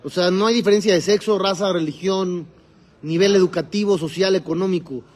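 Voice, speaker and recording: Speaking a little fast, with a high voice and steady tone, a man instructs a class in religion as their rabbi. He quizzes the group, then responds to his own questions while explaining quoted Hebrew texts.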